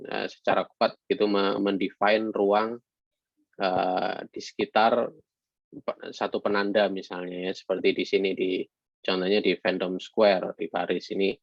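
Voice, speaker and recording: A man with a low, gravelly voice gives a lecture, pausing often and filling gaps with hesitant sounds. He slips into read-out English phrases now and then. The sound is dull and lo-fi, in a dry room with no echo. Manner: halting, many fillers, mixes in read English phrases. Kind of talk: online lecture.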